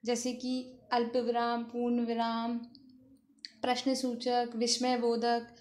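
A woman, a school teacher giving a grammar lesson to her students, explaining slowly and asking them questions she then answers herself. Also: a little high, monotone, a little mellow.

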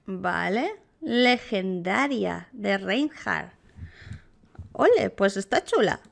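A woman with a Spain Spanish accent, a gaming youtuber giving casual, excitable reaction commentary. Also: medium pitch, slow, gravelly. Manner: excitable, gushing exclamations.

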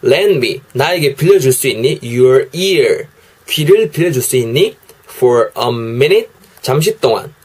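A man teaching English expressions in a daily video lesson, explaining gently and repeating each phrase slowly. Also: mid-range voice, animated, husky.

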